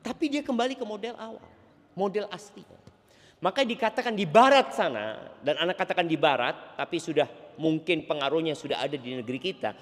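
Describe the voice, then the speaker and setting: Male preacher, expressive and playful sermon style, recorded with echoing hall reverb. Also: a little high, fairly quick. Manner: animated, playful asides to the congregation.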